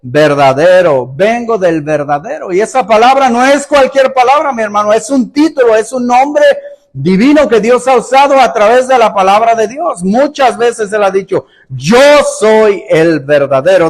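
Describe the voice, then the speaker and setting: A man's voice: high-pitched, lively intonation, moderate pace. A male pastor preaching a sermon in an emphatic style, acting out sarcastic rhetorical questions.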